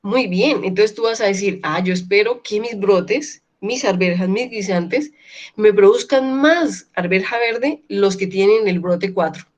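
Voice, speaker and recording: Lady teaching an online class, repeats stuff slow, keeps asking "ok?", kinda muffled call audio. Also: mid-range voice. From Colombia. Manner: checks in often with students, repeats key words slowly. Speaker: university lecturer.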